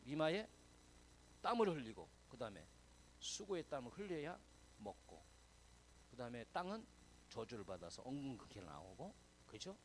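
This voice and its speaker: Gravelly pastor, chatty and teasing. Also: male voice, mid-range voice, sing-song, moderate pace, long pauses, a little hiss or hum, rough recording. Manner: chatty, teasing, quizzes the congregation; drops to whispers, swells loud for emphasis. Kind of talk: conversational sermon.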